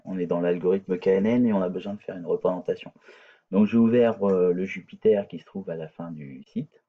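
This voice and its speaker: A man's voice: low-pitched, a little fast, phone-quality sound. A man teaching a hesitant, filler-filled screencast coding lesson, talking through code on screen. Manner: hesitant, many fillers and restarts.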